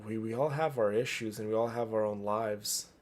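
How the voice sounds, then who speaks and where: Over gameplay, with game music and character voices behind him, a man talks off the cuff to his streaming community in a lowish voice at a moderate pace. His casual personal talk is earnest and emphatic, and he often repeats phrases.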